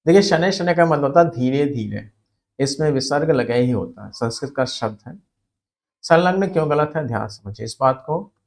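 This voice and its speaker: A man's voice: medium pitch, expressive, normal speed, creaky. A man teaching a spelling and grammar lesson for exam students, explaining step by step and repeating words for emphasis.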